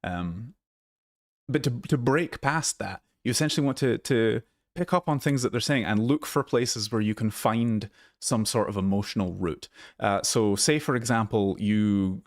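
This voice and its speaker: Low-ish guy doing live dating advice, blunt and sweary, dry close sound. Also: no room sound. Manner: blunt, swears freely, many restarts. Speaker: dating and social skills coach. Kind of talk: casual live advice monologue.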